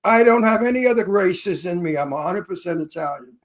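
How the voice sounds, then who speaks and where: A man's voice: high voice, lively intonation, brisk, a loud crowd. A man with a Brooklyn, New York accent chatting casually as a co-host, blunt and brash, using crude street slang. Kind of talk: casual chat.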